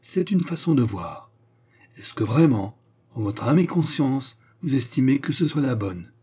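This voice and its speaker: A man voicing a composed, politely ironic French gentleman in a storybook reading, with a mellow, husky voice. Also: mid-range voice, big pitch swings, unhurried, pitched above the performer's own voice. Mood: calm courtesy. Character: calm, courteous French gentleman.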